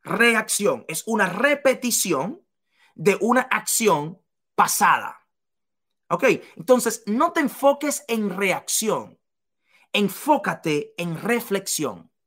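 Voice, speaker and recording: A woman's voice: mid-range voice, very animated, slow pace, fairly bright tone. A woman giving a motivational seminar talk to business leaders, emphatic and repeating key phrases to the listener.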